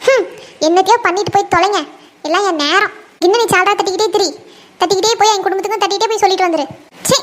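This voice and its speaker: A piercingly high, shrill cartoon mother-in-law, voiced by a woman, who nags and scoffs at her son's wife. She rattles off her scolding at a breakneck clip. Her scorn rarely lets up. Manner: scornful, nagging, rapid scolding. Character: sharp-tongued scolding village mother-in-law. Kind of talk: cartoon voice acting.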